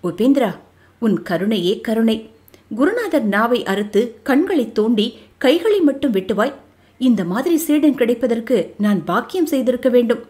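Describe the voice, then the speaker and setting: A woman's voice: fairly high pitch, expressive, normal speed, a little mellow, lightly acted. Woman reader doing an older man, a guru, pitiful, pleading, audio novel figure. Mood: sarcastic.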